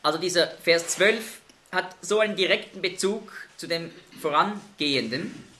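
A man's voice: high-pitched, normal speed, bright, forceful tone, reverberant. A man teaching a Bible study group, explaining verses emphatically and asking the group questions.

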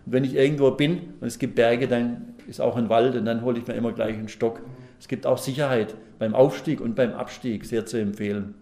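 A man's voice: mid-range voice, steady tone, brisk, warm tone. A middle-aged man preaching a sermon at a lectern, folksy and chatty, asking the congregation questions. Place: church hall at a lectern. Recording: echoey room.

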